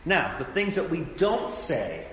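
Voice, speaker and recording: A man's voice: a little high, huge pitch swings, measured pace, a bit bright. A man, a pastor, teaching a sermon in an earnest, conversational way, repeating his key phrases. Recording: echoey hall with faint background noise.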